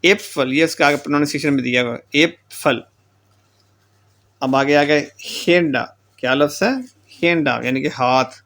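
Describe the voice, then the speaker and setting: A man's voice: on the high side, normal speed, a bit bright. A man teaching German pronunciation, reading out example words with their meanings in a patient lecture style and often adding a short filler tag. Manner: reads each word and its meaning, repeats the filler tag "theek ho gaya ji". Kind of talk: classroom lecture explaining pronunciation with word lists.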